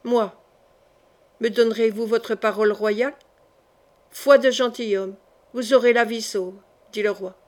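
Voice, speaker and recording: A woman reading a classic novel aloud as an audiobook, voicing every part in the same steady narrating voice. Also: fairly high pitch, unhurried, pauses often. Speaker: audiobook reader.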